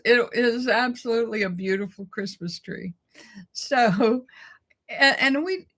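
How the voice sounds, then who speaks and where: Emotional woman telling a story. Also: medium pitch. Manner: warm-hearted, emotional, laughs often. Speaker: co-host. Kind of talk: casual storytelling chat.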